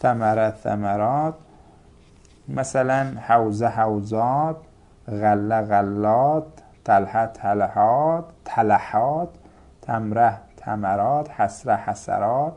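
A man's voice: lowish voice, darkish tone. A man teaching a grammar lesson, listing example words in careful paired recitation. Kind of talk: Arabic grammar lecture.

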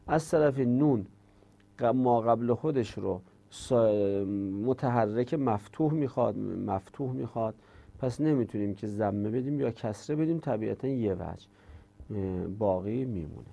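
A man teaching an Arabic grammar lesson in Persian, reciting verb conjugations in a steady drone and then explaining the rules step by step. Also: mid-range voice, vocal fry. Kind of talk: religious-school grammar lesson.

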